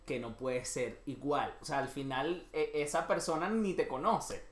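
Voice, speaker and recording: A man, a comedian guest, telling stories in an expressive, jokey way. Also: on the high side, a little slow. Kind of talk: casual chat. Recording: echoey room.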